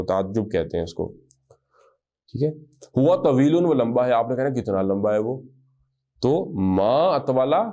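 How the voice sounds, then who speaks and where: A man teaching a grammar lesson to a class at a steady, mid pitch. He slows right down to spell out each example phrase, then keeps checking that his students follow. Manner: explanatory, drills Arabic phrases slowly, checks understanding often.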